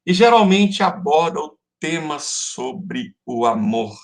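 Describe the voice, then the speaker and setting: Man, Brazilian accent, teacher, slightly high voice, slow delivery, patient, affectionate. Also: big pitch swings. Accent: Brazilian Portuguese. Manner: affectionate, calls students "love" and "folks"; patient, explaining step by step. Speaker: Portuguese teacher. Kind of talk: online class lecture.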